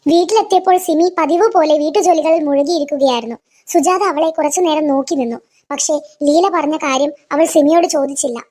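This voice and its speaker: High-voiced woman narrating a cartoon story. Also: quick pace, a little mellow.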